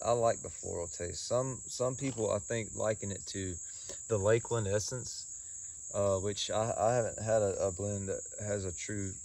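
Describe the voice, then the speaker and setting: A man giving a casual solo review in a folksy, halting way, often repeating words and pausing. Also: low voice, gravelly, darkish tone. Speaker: pipe tobacco reviewer.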